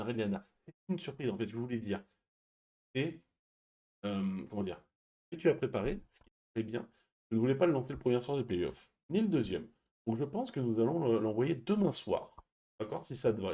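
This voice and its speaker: A man hosting a stream, chatting casually and reading viewer messages, speaking quietly and laughing often. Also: mid-range voice, sing-song, fairly quick. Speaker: stream host.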